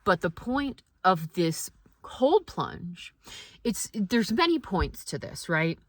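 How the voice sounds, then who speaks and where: A woman vlogger giving a casual, motivational monologue, speaking candidly and reflectively with halting pauses. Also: medium pitch, sing-song, dry recording.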